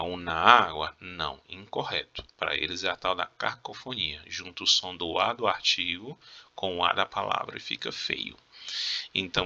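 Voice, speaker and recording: Gravelly Brazilian teacher with a bright voice. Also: male voice, sits low, highs cut off. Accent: Brazilian Portuguese. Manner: explains slowly, checks in with "tá?" and "beleza?", playful teasing. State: coughing now and then. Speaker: Spanish teacher. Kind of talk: recorded review lesson.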